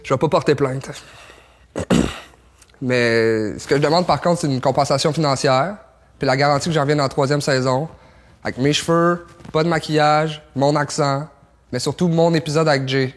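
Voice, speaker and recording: A man's voice: a little high, fairly even intonation, normal speed. A man, an actor laying out self-important demands in an interview.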